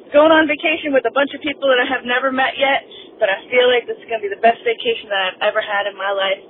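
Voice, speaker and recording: A fairly high-voiced woman calls in on speakerphone from her parked car and tells a long, gushing story. The sound is squeezed thin like an old phone line. A faint hum of the car sits behind her. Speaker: caller leaving a voicemail. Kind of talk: casual rambling phone message.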